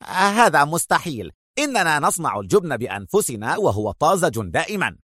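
A man's voice: fairly high pitch, big pitch swings, fairly quick, sharp tone, no room sound, clean studio sound, voice pushed up, exaggerated voice. A man voicing a shrewd restaurant owner. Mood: guarded. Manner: smooth, guarded, calculating.

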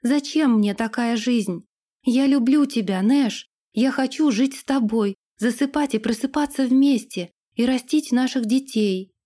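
A defiant young forest princess from a fantasy storybook, high and fervent, as a woman reader puts her on. She speaks with fiery, headstrong passion and sharp conviction. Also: moderate pace, natural voice.

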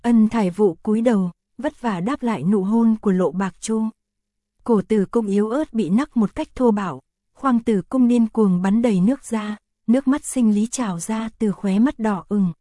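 A woman narrating an adult audio story in a steady, even reading voice. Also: mid-range voice, normal speed, no room sound, clean studio sound. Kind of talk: scripted narration.

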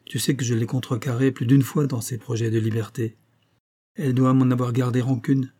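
Voix d'homme : un homme qui lit un médecin froid et mesuré, timbre sombre. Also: male voice, mid-range voice, little pitch movement, warm tone, breathy edge, natural voice. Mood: cool. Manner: measured, cool. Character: male doctor friend, cold, measured.

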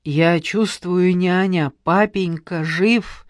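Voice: mid-range voice, fairly even intonation, slow pace, dry recording, studio quality, lightly acted. A narrator voicing an anxious, headstrong young noble girl who presses urgently for answers. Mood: stricken. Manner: urgent, pleading, insistent. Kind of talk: audiobook character reading.

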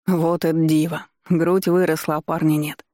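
A woman's voice: deep voice, little pitch movement, normal speed, warm tone, no echo, clean studio sound, close to an everyday voice. A woman doing a cocky teasing young man. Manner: teasing, provoking.

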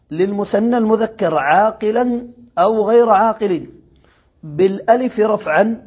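A high-pitched man with a gravelly, husky voice teaches a classical grammar lesson. He reads passages from the text, then explains them and keeps checking that his students follow. The recording is dull and lo-fi. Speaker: sheikh teaching Arabic grammar.

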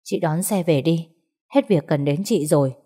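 A scheming young woman, pushy and coaxing, hurrying everyone along, as a woman storyteller plays her. The voice stays fairly low and mellow. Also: normal speed, breathy edge. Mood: urging. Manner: urgent, coaxing, bossy.

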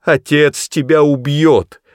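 A man's voice: steady tone, takes it slowly, smooth, no room sound, studio quality. A man doing a hysterical shrieking mother. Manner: shrill, wailing, sometimes moaning.

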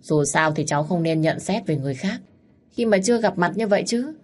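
A woman's voice: lowish voice, brisk. A woman voicing a strict old-fashioned rich man. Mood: lecturing. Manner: calm, lecturing.

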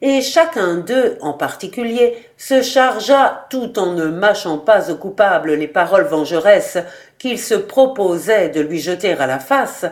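A woman narrating a literary short story in a measured, expressive way. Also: medium pitch.

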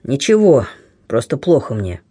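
A man's voice: medium pitch, big pitch swings, measured pace, dark tone, breathy edge. A man reading the part of a lovesick young man who speaks faintly and hesitantly. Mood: weak, tearful.

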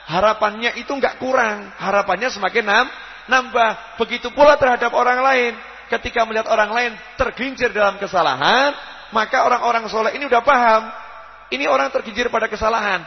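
A man preaching a sermon, telling stories, acting out prayers and quoted voices, and asking his listeners questions. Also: high voice. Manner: lively storytelling, acts out quoted prayers and voices, asks the audience questions. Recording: dull lo-fi sound with long reverb in a hall.

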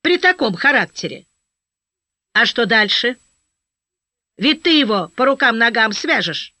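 A woman reading an audiobook, voicing a burly, gruff male army officer who barks and then talks bluntly and kindly. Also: on the high side, very animated, a little slow, no echo, heavily acted. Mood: blunt reassurance. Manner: barks, then softens into blunt fatherly talk. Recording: dry, slightly dull audio.

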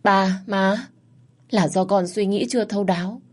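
A woman's voice: mid-range voice, fairly even intonation, a little slow, a little mellow, voice pushed up, lightly acted. A woman voicing a weak young wife who has just woken, speaking in a faint, feeble voice in a spoken story. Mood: weak, apologetic. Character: weak young wife after a suicide attempt.

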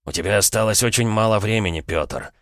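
A man's voice: fairly low pitch, brisk, vocal fry, fairly bright tone, no echo, studio quality. A man voicing a stern older prince who gives curt, menacing commands to his son. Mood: commanding. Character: stern, cold older male prince, a father.

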